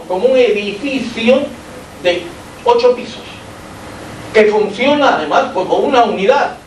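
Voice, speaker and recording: A fairly high-pitched man with a Peruvian Spanish accent lectures to a class and often checks in with rhetorical questions. His voice goes through a sound system and reaches the mic from across an echoey hall. A faint hiss runs underneath. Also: far from the mic. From Peru. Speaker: university lecturer. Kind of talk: academic lecture. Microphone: amplified by a sound system, recorded from the room.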